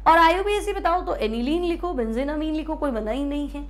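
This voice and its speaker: A woman from India teaches chemistry at the board with a high voice. She takes each step slowly, repeating the key terms and asking her class questions that she then answers herself. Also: a little hiss or hum.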